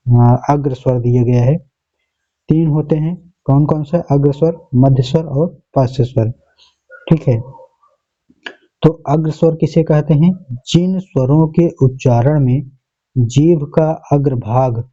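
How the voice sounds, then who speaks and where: A man's voice: on the high side, mellow. A male teacher working through an exam paper step by step, often repeating answers and checking in with the class. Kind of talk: exam paper walkthrough lesson. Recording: dull lo-fi recording.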